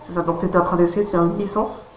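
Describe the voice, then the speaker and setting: A woman's voice: lowish voice, flat delivery, quick pace, a little mellow. A woman interviewing a guest, asking questions hesitantly with many fillers and restarts. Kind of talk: casual interview. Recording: roomy sound with faint noise.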